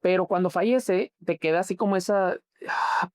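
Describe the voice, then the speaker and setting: A man's voice: high-pitched, normal speed, clear, resonant tone. A man with a Mexican accent, a grief therapist, explaining as an interview guest and often checking that he is understood. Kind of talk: interview answers.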